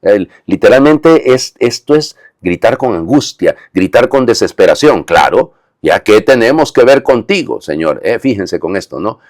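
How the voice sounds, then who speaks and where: A man's voice: fairly low pitch, sing-song, normal speed, a little mellow, no echo, clean studio sound. A male priest giving a homily, explaining the text with frequent tag questions and emphatic delivery.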